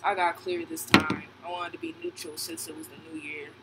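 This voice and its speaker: Brief: high-pitched young vlogger with braces, rambling. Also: male voice, level tone, a little fast. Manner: rambling, candid, filler-heavy. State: speaking with braces on. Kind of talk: casual vlog update. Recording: audible background noise, air conditioning hum.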